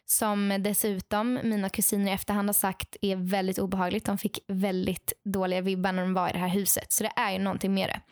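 A young adult woman casually telling stories to a friend, lively and acting out what others said, with many fillers. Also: mid-range voice, hardly any pauses, dry recording, studio quality. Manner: animated, acts out quoted dialogue; frequent fillers and restarts. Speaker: podcast co-host telling stories. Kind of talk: casual storytelling chat.

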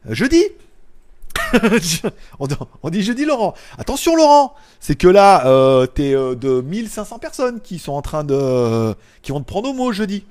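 A man's voice: high-pitched, sing-song, moderate pace. Jokey man on a live stream. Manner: loud, jokey, trails off into mumbles and chuckles. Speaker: tech YouTuber hosting a live stream. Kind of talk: casual live-stream chat reading comments. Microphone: small clip-on mic.

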